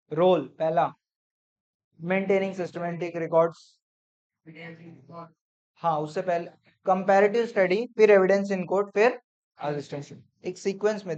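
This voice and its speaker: A man's voice: sits high, a little mellow, muffled recording. A male accounting teacher revising a lesson with his class, quizzing them and going through numbered points, mixing English terms into Hindi. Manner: drills points in numbered lists, quizzing students.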